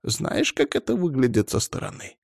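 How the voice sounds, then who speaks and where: A man voicing a furious, domineering old male clan head who yells and scolds down the phone. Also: mid-range voice, wildly swooping pitch, moderate pace, gravelly, husky, no room sound, clean studio sound, pitched above the performer's own voice, heavily acted. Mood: furious scolding.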